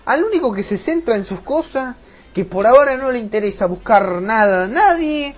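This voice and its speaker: A man's voice: very high voice, expressive, moderate pace. A teenage boy with a Rioplatense Spanish accent, rambling and swearing a lot as he chats over his gameplay into a loose mic. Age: teen. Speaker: gameplay commentator. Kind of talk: rambling let's-play chat. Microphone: loose desk mic that keeps slipping.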